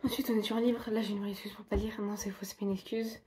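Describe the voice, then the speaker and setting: A woman's voice: mid-range voice, level tone, fast talker, background noise. A young woman in casual vlog chat, rambling and self-mocking with lots of fillers. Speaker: book vlogger.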